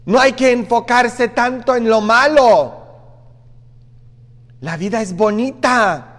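Male priest, higher voice, unhurried homily delivery with chatty asides; reverberant church sound. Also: fairly bright tone. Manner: conversational preaching with frequent "¿ah?" asides and acted quotes. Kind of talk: sermon.

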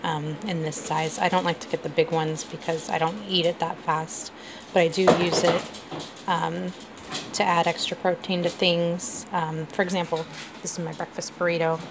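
Chatty woman with a gravelly low voice. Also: level tone, normal speed. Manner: chatty, many ums, laughs easily. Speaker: food vlogger. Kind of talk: casual kitchen walkthrough. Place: home kitchen, indoors. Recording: noisy home recording.

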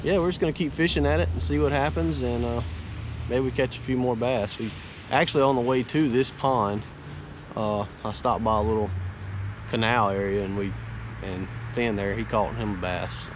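A fishing charter captain from the Florida Panhandle talks casually to camera beside a neighborhood pond, coaching his kids between rambling, easygoing asides. His medium-pitched voice is steady and moderately paced. A wearable action camera captures it, with background noise in the outdoor vlog.

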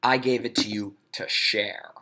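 A man's voice: fairly low pitch, fairly even intonation, unhurried, pushed and bright. A man voicing a fair-minded older schoolboy who speaks firmly and reasons things out, in a storybook reading. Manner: firm, reasoning.

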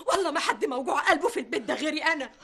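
A woman's voice: lively intonation, racing, gravelly, fairly bright tone, full character voice. A frantic Egyptian mother. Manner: shrill, pleading, tearful outbursts. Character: frantic mother fearing for her missing grown son. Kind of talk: TV drama acting.

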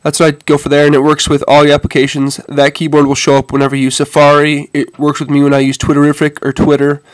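This man's voice is on the high side and completely flat, and he talks fast, sounding congested from a head cold and stuffy nose. He casually, hesitantly demonstrates a phone, informally addressing viewers as "guys," with no room sound.

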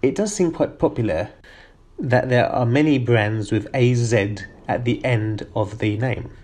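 A man's voice: medium pitch, a little slow, a little mellow. A man hosting a car channel, reading out viewer questions and answering each one with plain, methodical explanations.

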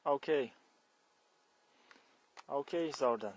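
A man's voice: medium pitch, takes it slowly. A young Polish man speaking broken English with a Polish accent, joking through a one-sided phone call outdoors on a bike trail. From Poland. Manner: broken English, exclamations of shock. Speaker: cyclist vlogger. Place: outdoors on a forest trail and fields. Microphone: camera held close at arm's length.

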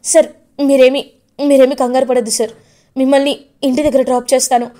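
A woman's voice: high voice, level tone, brisk, dark tone, close to an everyday voice. Woman acting out an anxious polite officer. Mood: reassuring. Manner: anxious, respectful.

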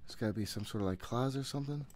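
A video game streamer in his thirties gives casual live commentary while playing a horror game at home in a small room. He's jumpy, swears freely, and talks to himself in a racing, medium-pitched, slightly mellow voice. A desk microphone close to his mouth picks up a little hiss or hum.

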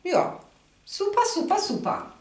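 With a very high, sing-song voice and a measured pace, a middle-aged woman hosts an informal card reading from a card table indoors. She keeps it conversational and reassuring, often tossing in little tag questions to viewers. There's slight background noise and an echoey room sound.

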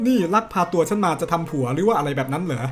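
A man's voice: fairly high pitch, expressive, fast talker, fairly bright tone, faint music behind. A man voicing a kidnapped young man who is tied up, panicky and indignant, yelping his protests.

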